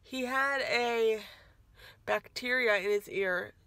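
Chatty woman vlogging with a gravelly edge. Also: on the high side, slow pace, sharp tone, dry recording. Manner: chatty, rambling, self-correcting. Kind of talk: casual vlog update. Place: home kitchen, then parked car. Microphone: phone at arm's length.

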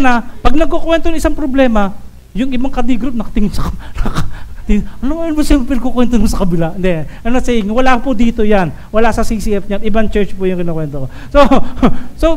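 A man with a strikingly high voice and a Filipino accent, preaching a sermon to a church congregation. He talks in an animated way and slips into playful higher tones when acting out the people he quotes, mixing Tagalog with English. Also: normal speed, low-quality recording. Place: church service.

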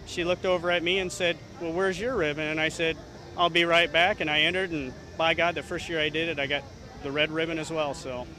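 A man's voice: fairly high pitch, level tone, brisk, low-quality recording. A man in his thirties with a Midwestern American accent, chatting casually as a contestant in an interview. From Iowa, United States. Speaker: hog calling contestant. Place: outdoors at a fairground. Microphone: handheld interview microphones. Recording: outdoor crowd behind the voice.

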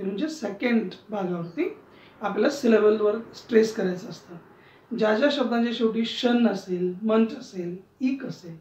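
A woman teaching English pronunciation in a classroom lesson, repeating words slowly and stressing syllables, often asking her learners questions. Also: on the high side, darkish tone. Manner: asks learners questions and checks understanding. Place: room with a writing board. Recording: roomy, distant and dull sound.

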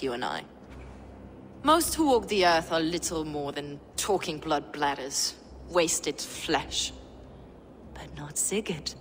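A sinister game villainess, lowish voice, mocking zealot, echoing hall with noise behind. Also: female voice. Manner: theatrical, slow, mock-polite menace. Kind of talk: video game dramatic acting.

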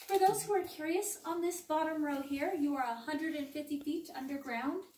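A woman's voice: sits high, moderate pace, darkish tone. A woman working as a tour guide, talking playfully and chattily to a group in an echoing cave. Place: underground cave room. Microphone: visitor's phone at a distance. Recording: echoing cave, distant mic, faint noise.

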